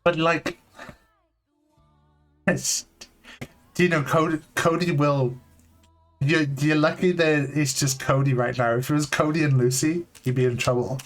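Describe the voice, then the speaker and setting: A man in his late thirties streaming live from a home setup. He talks casually and candidly, restarting sentences often and filling pauses with "like.". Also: fairly high pitch, steady tone. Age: 30s. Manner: halting, candid, full of "like" fillers and restarts. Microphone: desk mic on a long cable. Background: faint lo-fi music playing.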